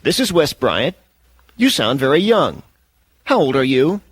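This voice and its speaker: A brash, smooth-talking radio host, as a man puts him on, pitched up above the narration and bouncing through his lines. He banters quickly and can switch on the charm. The sound is dry and close. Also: very animated, no room sound, heavily acted. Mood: coaxing.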